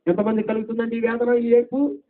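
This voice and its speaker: A man preaching a gospel sermon, with many rhetorical questions and shouts of hallelujah, now loud and now soft. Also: very high voice, flat delivery, brisk. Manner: emphatic, swings between loud and soft delivery. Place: gospel meeting. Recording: tinny phone-like sound.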